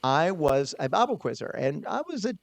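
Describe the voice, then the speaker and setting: A man's voice: on the high side, sing-song, moderate pace, vocal fry, no echo. A middle-aged man, a small business owner, telling a personal story in an earnest, conversational way, often restarting his words.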